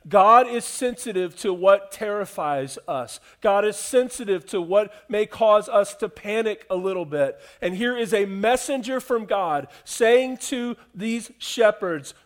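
A man with a high, light voice preaches a sermon as a pastor. He drops from ringing emphasis to near-hushed quiet, repeating phrases and putting questions to his listeners. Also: lively intonation, a little slow, few pauses.

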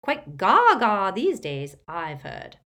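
A woman's voice: high voice, huge pitch swings, unhurried, pitched above the performer's own voice, full character voice. A woman doing a tipsy, testy old aunt. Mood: gossipy. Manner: blunt and testy. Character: tipsy, tactless, gossiping old great-aunt.

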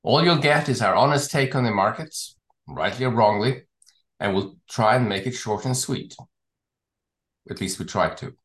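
A man co-hosting a podcast, explaining things in a measured, orderly way. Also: on the low side, animated, a bit bright, echoey room. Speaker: podcast co-host. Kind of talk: podcast discussion, summarizing and signing off.

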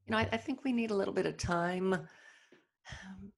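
Gravelly-voiced chatty woman. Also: mid-range voice, moderate pace. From United States. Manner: chatty, enthusiastic storyteller. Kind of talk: casual chat.

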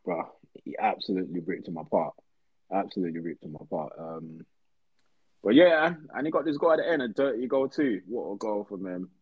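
Husky low man, relaxed football chat. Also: brisk, dry recording, narrow, tinny audio. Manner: relaxed, rambling, many ums. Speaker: podcast co-host.

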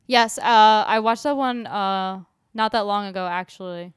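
Smooth-voiced, teasing woman co-host. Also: medium pitch, a little slow, no room sound, studio quality. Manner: playful, teasing, laughs often. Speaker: podcast co-host. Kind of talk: casual chat.

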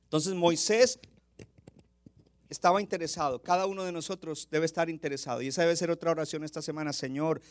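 A man's voice: fairly high pitch, fairly even intonation, brisk, dry recording. A man preaching a sermon as pastor, passionate, building intensity and acting out quoted lines.

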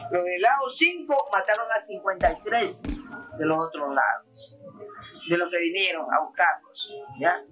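An older Ecuadorian woman, mother of a prison victim, gives an emotional testimony that is rambling and breathless, calling the listener mamita and mijo. Her voice is on the low side and a little slow, and the recording quality is low.

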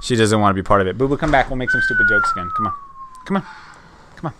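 A man's voice: a little high, wildly swooping pitch, rapid-fire. A man hosting a casual podcast, joking and teasing the people around him. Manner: playful, teasing, talks into the mic. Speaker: podcast host. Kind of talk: casual chat. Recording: noisy home recording with background noise.

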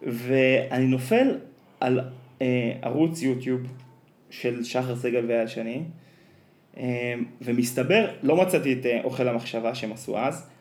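A man hosting a podcast, telling animated stories in casual chat with plenty of fillers. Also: medium pitch. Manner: animated storyteller, many fillers. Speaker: podcast host. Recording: roomy echo.

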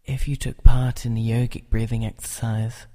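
A man leading a guided relaxation, speaking calmly and soothingly and at times dropping into soft whispers. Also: mid-range voice, normal speed.

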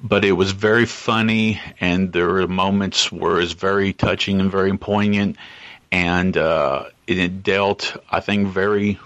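Deep-voiced man in a lo-fi voice message. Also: steady tone, fairly bright tone, no room sound. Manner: polite and measured, with frequent "uh" fillers. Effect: played back as a voice message. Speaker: voicemail caller to a podcast. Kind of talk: casual spoken message. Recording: dull lo-fi voicemail audio.

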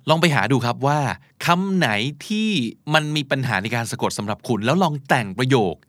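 A man's voice: mid-range voice, expressive, fairly quick, fairly bright tone, no room sound, clean studio sound. A man hosting a casual spoken lesson. He talks politely and spells words out letter by letter as he explains them patiently. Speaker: host teaching English spelling.

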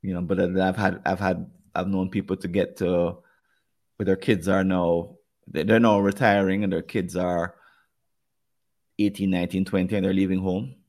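A man with a Jamaican accent hosts a podcast in a casual, reflective way. His voice sits fairly low and has a gravelly fry to it, and he often speaks directly to the people listening. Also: little pitch movement, moderate pace, darkish tone. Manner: earnest, reflective talk that addresses listeners directly. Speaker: podcast host.

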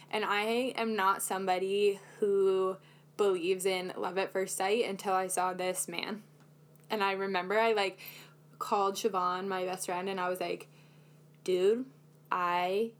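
A young woman co-hosting a podcast, telling a dating story in a chatty, self-mocking way with lots of fillers. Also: medium pitch. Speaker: podcast co-host. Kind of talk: casual chat.

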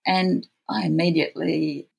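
An Australian speaker with a gravelly, husky voice who says w for r, talking reflectively as an interview guest. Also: mid-range voice, fairly even intonation, measured pace, darkish tone, slight background noise. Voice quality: cannot pronounce R's well, says w for r. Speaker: podcast guest, futurist researcher.

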